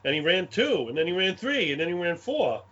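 A man with a Brooklyn accent chatting casually in an animated, rambling way, often repeating his phrases. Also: high voice, a little fast. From Brooklyn, New York. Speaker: guest, game scenario designer. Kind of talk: casual chat, anecdotes. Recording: dull lo-fi audio.

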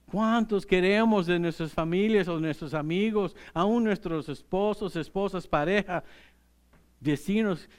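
A middle-aged male pastor, preaching in a relaxed, conversational way. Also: sits high. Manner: unhurried, conversational preaching with light laughs. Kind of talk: sermon.

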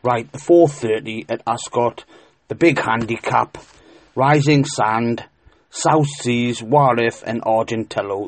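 A man giving informal horse racing tips as a tipster, emphatic and repeating words for stress, with a halting delivery. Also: medium pitch. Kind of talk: informal betting tips commentary.

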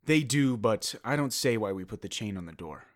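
A man's voice: on the low side, animated, moderate pace, natural voice. An actor playing a caller, a young movie theater worker, telling his story plainly and a bit hesitantly. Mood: earnest. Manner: plain, matter-of-fact, hesitant.

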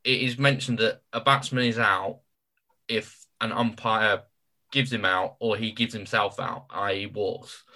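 A man's voice: fairly low pitch, fairly even intonation, unhurried, pushed and bright. A man co-hosting a podcast, chipping in with wry jokes and explanations. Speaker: podcast co-host. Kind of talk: casual podcast chat.

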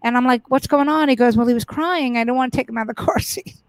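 Talking quickly, a middle-aged woman comedian appearing as a guest tells casual interview stories in a fairly high voice, blunt and full of profanity. Her words keep tripping and restarting, and the recording is close and dry.

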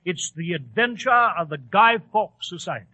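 An actor playing Doctor Watson, an earnest, easily flustered English gentleman with a British accent, in 1940s radio drama style. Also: high voice, expressive, moderate pace, slightly rough, no room sound, full character voice. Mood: storytelling. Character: Doctor Watson, excitable, fretful English gentleman and loyal companion. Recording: muffled, narrow-band old radio recording.

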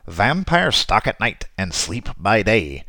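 Man as a raspy, theatrical radio drama host who is fighting off a cold. Low, animated delivery. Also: takes it slowly, no room sound, heavily acted. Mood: showy. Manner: showy, dramatic announcer delivery. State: recovering from a cold. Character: cheerful male wasteland radio host, theatrical. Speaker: radio broadcaster.

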